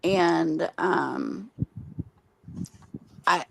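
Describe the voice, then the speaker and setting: A woman's voice: on the low side, drawn-out words, gravelly, fairly bright tone. A woman from Oklahoma hosting a casual late-night livestream chat, telling long earnest stories with many ums while losing her voice from smoky air. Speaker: livestream host.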